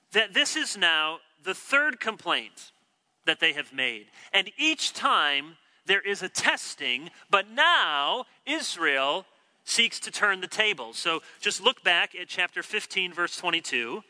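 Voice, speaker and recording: A man's voice: a little high, bright, forceful tone. A man preaching an expository sermon, teacherly, who acts out the quoted complaints from scripture. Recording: long hall reverb.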